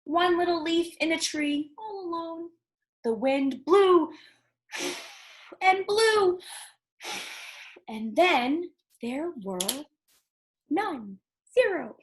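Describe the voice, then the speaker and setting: In a rough recording, a female storytime host at a children's library reads and counts for young listeners in a cheerful, encouraging singsong. Her very high voice is expressive, and she goes very slowly, leaving long pauses.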